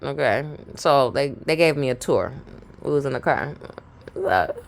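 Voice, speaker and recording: A woman's voice: a bass voice, expressive, a little slow, gravelly. A woman in her thirties with a Brooklyn accent, telling a rambling family story to camera and laughing often. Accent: Brooklyn, New York. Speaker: vlogger.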